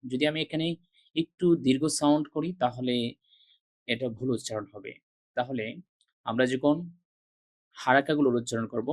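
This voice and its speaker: A man teaching Arabic letter pronunciation, repeating each sound slowly and carefully, with patient classroom explanations. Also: mid-range voice, no echo, studio quality. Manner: drills each sound three times with careful articulation. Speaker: Quran reading teacher. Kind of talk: slow, deliberate recitation lesson.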